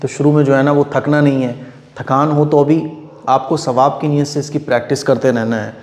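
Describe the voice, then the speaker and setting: Patient man teaching slow recitation, echoey room. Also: mid-range voice, steady tone, darkish tone. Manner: patient, repeats and draws out each letter sound. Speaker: Quran reading teacher. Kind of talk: step-by-step recitation lesson. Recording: echoey room with long reverb.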